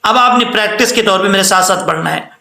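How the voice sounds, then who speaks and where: A patient male recitation teacher explains the rules and then stretches each phrase out slowly. His voice sits high and bright, and a gravelly rasp runs under it. The sound bounces around a roomy, echoey space. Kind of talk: tajweed lesson with recitation.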